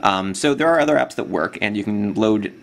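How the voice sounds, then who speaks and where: A man giving a relaxed, casual product demo of an app, with plenty of fillers. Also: lowish voice, fairly quick, gravelly. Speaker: tech blogger demonstrating an app.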